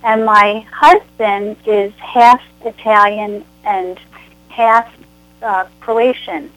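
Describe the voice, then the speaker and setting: Casting: chatty giggly woman caller, slow, dry close sound. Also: mid-range voice, steady tone, fairly bright tone, no room sound, poor audio. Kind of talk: phone-in chat.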